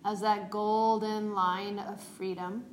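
A woman leads a guided meditation in a calm, meditative tone. She speaks slowly at a middle pitch, as a yoga teacher would. The room adds noticeable echo, with faint noise behind her.

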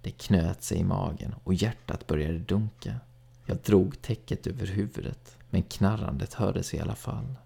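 A man narrating a first-person story in a calm, even storytelling read. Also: deep voice, creaky, husky. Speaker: audiobook narrator.

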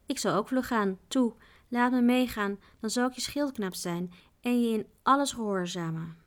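A woman's voice: fairly high pitch, moderate pace, voice pushed up, lightly acted. A woman reading aloud gives voice to an eager young boy traveler, pleading to come along on the journey.

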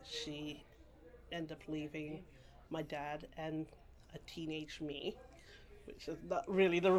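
A middle-aged woman from England speaks with a somewhat low voice. She tells her story in a rambling, unhurried way, with restarts and laughs. It is an oral history interview recorded in a library. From England, grew up partly in Guyana.

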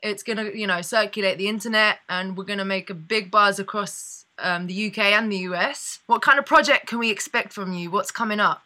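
A woman's voice: medium pitch, fairly quick, few pauses, sharp tone. A woman hosting a casual radio interview, bubbly and laughing often. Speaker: radio host.

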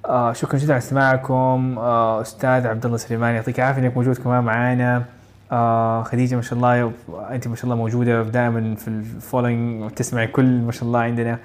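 A man hosting a live audio question-and-answer session, giving casual advice in a chatty, encouraging way. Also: medium pitch. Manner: rapid, chatty, with frequent restarts and encouraging asides. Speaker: host of a live audio Q&A for exam learners.

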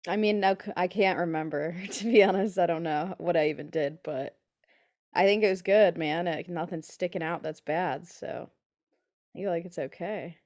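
A woman's voice: lowish voice, normal speed, a little mellow, no room sound. A young adult woman co-hosting a casual podcast in a blunt, laid-back, sweary way. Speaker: podcast co-host.

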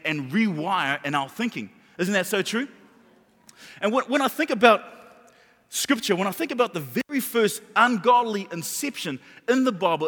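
A middle-aged man preaching a sermon as pastor, emphatic, repeating words and dropping into soft whispers. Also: high-pitched. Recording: long hall reverb.

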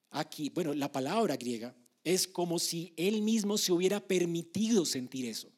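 A man preaching a sermon, emphatic, moving between hushed passages and loud, urgent ones. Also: a little high, breathy edge.

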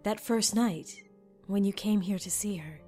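A man reading a storybook, voicing a calm, scheming ancient sorceress with slow, condescending speech. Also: high-pitched, faint music behind, voice pushed up. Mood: mocking.

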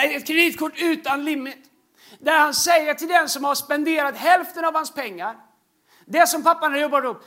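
A man preaching a sermon, telling a funny story with lots of fillers, repeats and laughter. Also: very high voice. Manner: animated, breaks into laughter, frequent fillers and repeated words. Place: large church stage.

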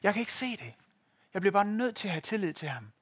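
A man's voice: high voice, big pitch swings, husky, dry recording. A man preaching a sermon to a congregation, telling stories and addressing listeners directly. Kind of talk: sermon with a live demonstration. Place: church in front of a congregation.

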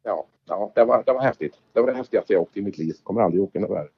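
In a dull lo-fi recording, a man with a fairly low, expressive voice and a breathy edge tells rally anecdotes casually. He is a former rally driver, and he performs the conversations he recounts.

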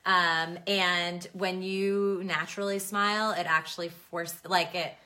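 Woman, lowish pitch, bright voice, relaxed conversation, um-and-like fillers. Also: a little slow. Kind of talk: casual chat.

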